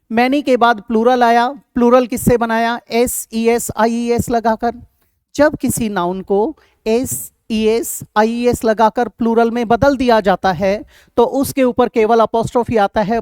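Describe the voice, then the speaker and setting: An Indian man teaching an exam-prep English grammar lesson, reading example sentences slowly word by word, asking questions and answering them himself, and addressing students fondly. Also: very high-pitched, a little mellow, smooth, dry recording, studio quality.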